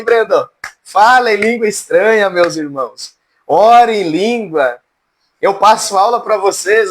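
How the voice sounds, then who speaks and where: A man teaching an informal Bible class, folksy and humorous, calling on his students by name. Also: a bit bright. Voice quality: high, cracked voice. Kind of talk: informal church class lecture.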